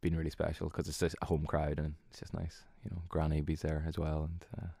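A man's voice: a bass voice, little pitch movement, fast talker, creaky, warm tone, slightly rough, no room sound, studio quality. A man with a Donegal Irish accent, chatting casually as a musician in an interview, in a modest, hesitant, easygoing way. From Donegal, Ireland.

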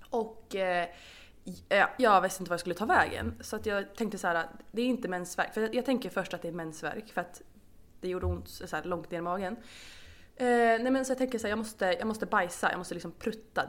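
A young woman co-hosting a casual podcast, telling a story at length and laughing often. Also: mid-range voice. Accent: Swedish. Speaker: podcast co-host. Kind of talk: casual chat.

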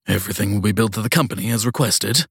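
A man doing a calm, courteous chauffeur. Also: fairly low pitch, racing, breathy edge, no room sound, studio quality, heavily acted. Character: calm, polite male chauffeur, unflappable.

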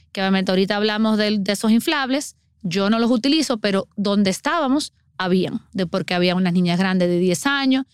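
A woman's voice: mid-range voice, clean tone, dry recording, studio quality. A middle-aged woman, earnestly explaining child water safety as a guest on a podcast. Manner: earnest, explanatory, acts out everyday scenes.

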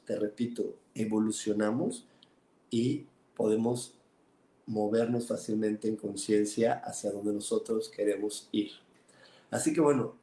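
Male podcast host, warm relaxed tone, earnest self-help talk, roomy echo. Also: medium pitch. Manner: earnest, stacks repeated words for emphasis.

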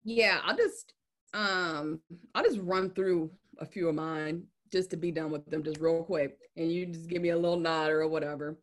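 A woman's voice: deep voice, moderate pace. A woman chatting casually about a TV series, blunt and profane, laughing often.

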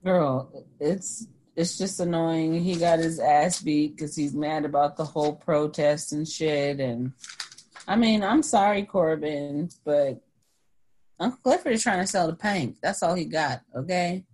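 A woman's voice: low voice, a little slow, a little mellow. A woman in her thirties co-hosting a podcast, joking about a TV show in sassy, profane banter. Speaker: podcast co-host. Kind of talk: casual chat recapping a TV show.

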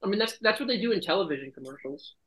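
A man hosts a loose podcast chat with friends. He is brash and profane, quick with a joke. He sounds a little queasy throughout. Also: high-pitched, animated, a bit bright, poor audio. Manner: swearing, brash and joking. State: feeling sick and nauseous. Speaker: podcast host. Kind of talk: casual chat.

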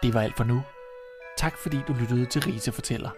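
A man hosting a podcast and calmly narrating a classic fairy tale. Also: medium pitch, over music.

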